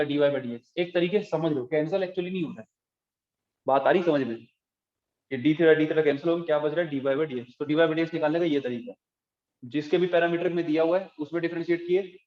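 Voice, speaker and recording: A man teaching calculus to a class, explaining step by step and often asking if students follow. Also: on the high side. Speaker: math teacher. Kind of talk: classroom lecture. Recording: echoey room, dull lo-fi sound.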